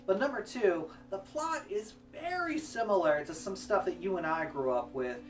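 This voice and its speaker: A man's voice: high-pitched, expressive, moderate pace, far from the mic, over music. A man co-hosting a casual review chat about wrestling films, enthusiastic and conversational.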